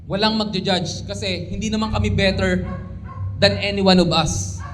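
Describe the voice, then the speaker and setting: Young Filipino male preacher, earnest, high-pitched, recorded in a reverberant church hall with faint background hum. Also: fairly even intonation, moderate pace. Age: young adult. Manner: earnest, mixes English into his talk, pleading at times. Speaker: pastor. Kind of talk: sermon.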